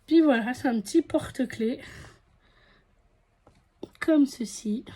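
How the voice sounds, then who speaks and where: High-voiced French woman unboxing slowly. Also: mellow. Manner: chatty, guessing aloud. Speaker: vlogger. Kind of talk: casual unboxing chat.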